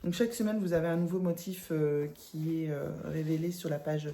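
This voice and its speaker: A woman's voice: deep voice, steady tone, brisk, dark tone. A woman with a northern French accent chatting casually about her embroidery, self-mocking and laughing often. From northern France. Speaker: embroidery vlogger. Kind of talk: casual chat.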